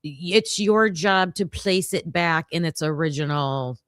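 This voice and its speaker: A woman hosting a casual livestream case discussion, talking in a halting way with many fillers and frequent laughs. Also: sits low, fairly bright tone, smooth, no echo, studio quality. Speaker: livestream host.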